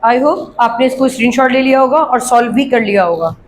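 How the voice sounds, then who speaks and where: Somewhat high-voiced and animated, a woman teaches English grammar from a worksheet, reading examples slowly and clearly and explaining them fast. She regularly asks her students questions and answers them herself. Slight background noise accompanies the rough recording.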